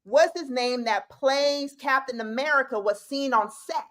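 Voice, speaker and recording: A woman co-hosting a casual fan podcast, excitable, talking in quick bursts with restarts. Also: high voice. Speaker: co-host.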